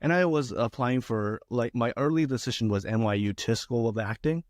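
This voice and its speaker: A young man from China, a theater student guest on a podcast, telling his story in an earnest, halting way. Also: mid-range voice, dry recording, studio quality. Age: young adult. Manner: halting, many fillers and restarts, earnest. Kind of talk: casual podcast interview.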